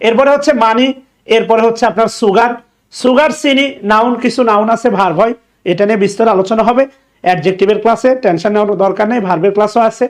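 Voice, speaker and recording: A man's voice: high voice, fast talker. A man with a Bangladeshi Bengali accent giving an exam-prep English grammar lecture, repeating key words, joking and asking if students follow.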